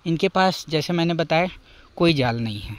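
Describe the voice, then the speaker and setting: High-voiced man narrating a stream walk. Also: animated, normal speed. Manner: explanatory, points things out to the viewer. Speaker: vlogger. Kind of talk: walking vlog narration. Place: outdoors at a rocky forest stream.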